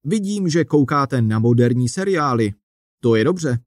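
A man's voice: medium pitch, lively intonation, no echo, clean studio sound, close to an everyday voice. A man reading the part of a pushy, self-satisfied manager in a striped suit, talking like a salesman. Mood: bossy. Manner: brisk, salesman-like, lecturing.

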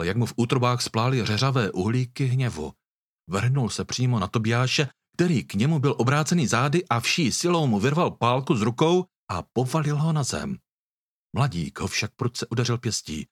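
A man narrating a storybook in an expressive reading. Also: mid-range voice, slightly rough, no echo, studio quality. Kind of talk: audiobook reading.

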